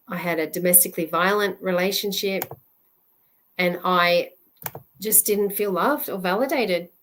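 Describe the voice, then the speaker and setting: A woman love coach giving a live presentation in an earnest, halting way, often restarting her sentences. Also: mid-range voice.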